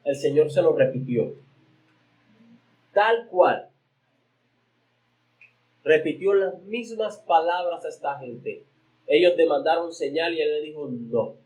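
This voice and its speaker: A man preaching a sermon as pastor, reading scripture aloud with emphatic swings in pitch and often repeating words as he searches for the next phrase. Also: slow pace, long pauses, darkish tone, poor audio.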